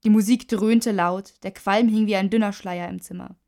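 Woman narrating a story, measured. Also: mid-range voice, steady tone, warm tone.

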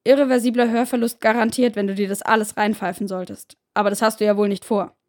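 A woman voicing a loud, coarse male drug dealer who smokes heavily and talks bluntly in slang, shouting as if on the phone. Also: mid-range voice, fairly even intonation, quick pace, close to an everyday voice. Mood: mocking.

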